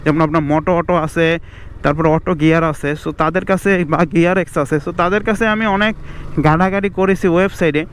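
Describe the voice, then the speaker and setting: A young man with a Bangladeshi Bengali accent, vlogging casually outdoors in fast, chatty talk mixed with English words. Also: on the high side, fairly even intonation, a little hiss or hum. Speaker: motovlogger. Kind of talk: casual outdoor moto vlog. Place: outdoors by a roadside.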